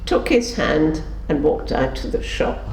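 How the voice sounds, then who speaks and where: This older woman is very animated, a little slow, and a little mellow, with vocal fry, as she tells memories in an oral history interview. She voices the people in her stories, changing pitch to act out their quotes. Expect roomy sound with faint background noise.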